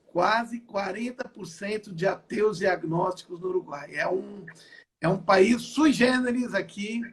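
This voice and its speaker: This older man from southern Brazil, an apostle and pastor, shares his testimony during an online interview at home. He speaks in a high pitch at a measured pace, with repetitive, restarted phrasing.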